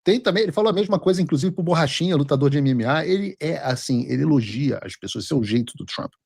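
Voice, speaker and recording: A man's voice: on the high side, animated, quick pace, gravelly, darkish tone, husky, no room sound, studio quality. A man with a Brazilian accent hosting opinionated political commentary, sarcastic and mocking. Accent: Brazilian Portuguese. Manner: sarcastic, mocking, translates clips aloud.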